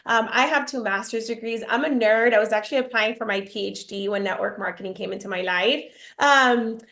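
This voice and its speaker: This woman's voice sits on the high side and moves fairly quickly, with vocal fry and a pushed, bright quality. Born in Cuba and raised in Miami, she works as a network marketing presenter, pitching her business in a bubbly, gushing live promotional presentation.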